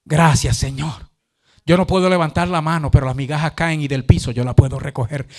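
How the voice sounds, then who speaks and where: A man's voice: a little high, fairly even intonation, brisk, darkish tone, voice pushed down, natural voice. A man preaching, voicing a poor, sick male beggar who humbly thanks God in prayer. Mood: grateful.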